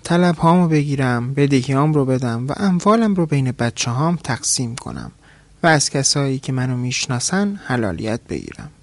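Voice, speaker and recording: A man's voice: medium pitch, lively intonation, dry recording, lightly acted. A man playing a pleading frightened merchant. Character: frightened pleading middle-aged male merchant.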